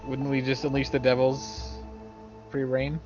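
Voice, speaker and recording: A man of average pitch talks casually as a player in a tabletop game. His audio is a bit muffled, and music is clearly audible underneath. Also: monotone, a little slow.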